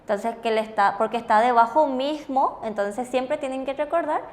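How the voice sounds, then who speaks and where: Female teacher, high-pitched, patient, repeats and confirms each answer. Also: normal speed, darkish tone. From Paraguay. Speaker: language teacher co-hosting. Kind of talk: classroom explanation with questions.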